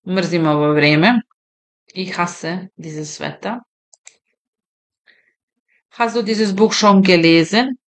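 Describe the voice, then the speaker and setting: A woman teaches German at an unhurried, deliberate pace, her voice a touch low. She says each example sentence slowly and carefully, then explains it in a relaxed, conversational way. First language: Serbian. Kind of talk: slow, deliberate language lesson.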